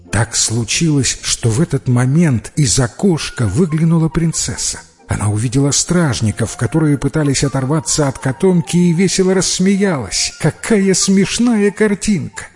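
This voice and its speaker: A man narrating a fairy tale in an expressive storytelling manner. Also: mid-range voice. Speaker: reader.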